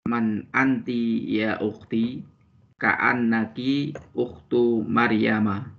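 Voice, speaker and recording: A man's voice: mid-range voice, steady tone, very slow, gravelly, dull audio. A man with an Indonesian accent, a student carefully reading practice sentences aloud.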